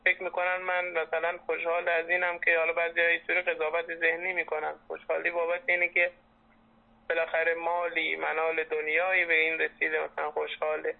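A man's voice: on the high side, completely flat delivery, creaky. A man in his late twenties speaking earnestly and reflectively in a phone conversation, heard over a muffled landline. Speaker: interviewee, former patient. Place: telephone call.

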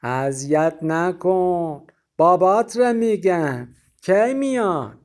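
Audiobook casting: a man voicing a chatty Azeri-accented shopkeeper, loud and slow-drawling. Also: sits high, expressive, pitched above the performer's own voice. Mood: teasing. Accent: Azerbaijani Turkish (Azeri) accent in Persian. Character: chatty male neighborhood shopkeeper, nosy teasing.

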